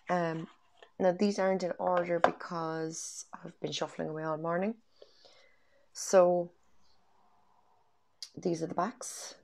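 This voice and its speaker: This tarot deck reviewer, an Irish woman in her thirties with cold-induced congestion, speaks in a lowish, darkish voice with vocal fry. Her casual vlog chat, recorded in her bedroom on a wired earphone mic, is enthusiastic and full of ums.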